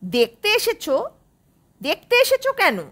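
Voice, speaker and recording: A woman narrator voicing a distraught, mentally ill older mother who lashes out with shrill, scornful outbursts in an audiobook story. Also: huge pitch swings, takes it slowly, fairly bright tone, heavily acted. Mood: anguished, scornful. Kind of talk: audiobook character voice.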